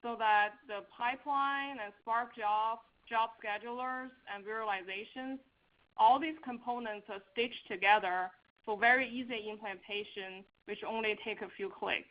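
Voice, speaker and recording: A woman's voice: on the high side, steady tone, normal speed. Woman on a choppy, dropping-out call line. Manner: hesitant, frequent "uh" fillers. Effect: choppy call audio that keeps dropping out. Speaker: product presenter. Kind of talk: webinar product walkthrough. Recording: dull lo-fi online call audio.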